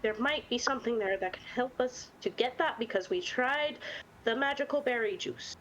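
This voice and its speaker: High-voiced chatty woman gamer. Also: normal speed, fairly bright tone, muffled recording, a little hiss or hum. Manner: chatty, laughs often. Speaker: player. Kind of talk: tabletop roleplay chat.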